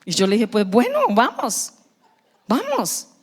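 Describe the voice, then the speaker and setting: A woman's voice: mid-range voice, a little slow. A woman pastor, preaching a sermon and acting out the dialogue of the stories she tells. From Colombia. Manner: storytelling with acted-out dialogue, laughing at her own story. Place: large church hall. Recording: long church-hall reverb.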